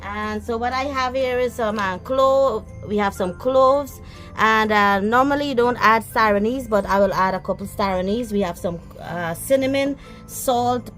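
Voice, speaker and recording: This cooking vlogger from Guyana, with a Guyanese accent, demonstrates a recipe out in the backyard. She's chatty, addressing both viewers and pets, in a slightly high, somewhat bright voice at a measured pace, with soft music in the background.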